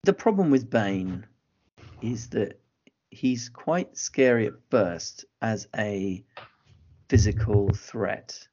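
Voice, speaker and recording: A man's voice: lowish voice, expressive, slow, a little mellow. A man co-hosting a podcast, chatting casually and opinionatedly about films. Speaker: podcast co-host. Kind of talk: casual film chat. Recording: slightly dull lo-fi podcast audio.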